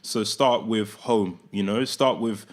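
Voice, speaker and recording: Young man, low voice, earnest and thoughtful, podcast guest. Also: steady tone, takes it slowly. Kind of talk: casual chat.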